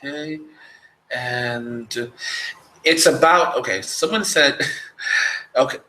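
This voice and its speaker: A man's voice: mid-range voice, slow, bright, forceful tone, roomy sound, poor audio. A man hosting a casual podcast, reading viewer comments aloud with crude jokes and frequent laughter. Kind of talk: casual chat.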